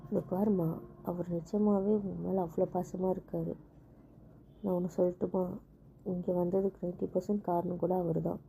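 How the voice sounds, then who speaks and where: A woman talking with her husband in a casual couple conversation, explaining things patiently and calmly. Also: lowish voice, normal speed, gravelly, slight background noise. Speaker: wife.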